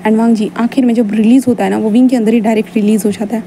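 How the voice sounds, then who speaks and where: Fast, mellow-voiced woman storyteller. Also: on the high side, fairly even intonation, a little hiss or hum, rough recording. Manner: chatty, informal, many restarts and fillers. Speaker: fan fiction storyteller. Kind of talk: casual story narration.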